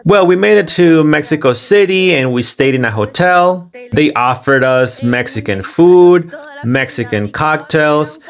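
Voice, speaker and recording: A man hosting a video commentary, speaking in deliberate, emphatic phrases with pauses. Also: fairly high pitch, lively intonation. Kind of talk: scripted commentary with loose running translation.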